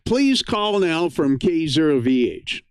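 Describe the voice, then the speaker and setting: American guy running a ham radio net, chatty n folksy, clean smooth voice, very dry close sound. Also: a little high, big pitch swings, a little slow, no room sound. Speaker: amateur radio net host. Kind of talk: live net control, casual hosting.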